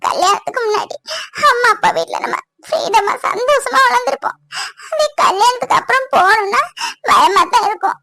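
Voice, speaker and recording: A woman's voice: very high-pitched, fairly quick. A woman voicing a tearful young woman in a cartoon, talking through sobs. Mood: tearful, grateful. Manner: sobbing, emotional pleading. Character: tearful young woman, grateful sister-in-law. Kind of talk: cartoon voice acting.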